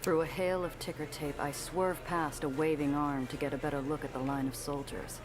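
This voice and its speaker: An actor playing a cynical, world-weary noir detective who narrates his own case in a brooding, measured way for a video game. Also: a little high, lightly acted. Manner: hard-boiled, brooding, flatly measured.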